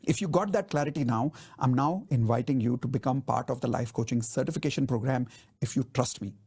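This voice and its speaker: A man hosting a live coaching webinar, energetic and persuasive, often asking viewers to type answers into the chat. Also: mid-range voice, fairly quick, husky. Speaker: life coaching webinar host. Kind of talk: live sales webinar presentation.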